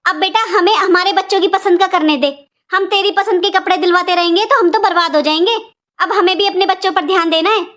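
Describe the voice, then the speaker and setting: A woman voicing a harsh, stingy aunt in a cartoon, scolding in a sharp-tongued way. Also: very high-pitched, fairly even intonation, fast. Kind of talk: cartoon voice acting.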